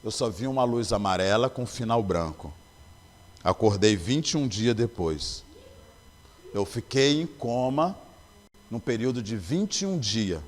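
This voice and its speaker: A man's voice: mid-range voice, animated, measured pace. Earnest man testifying in an echoing church. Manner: earnest storytelling, acting out dialogue. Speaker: church member giving testimony. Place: church sanctuary. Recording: long church hall reverb.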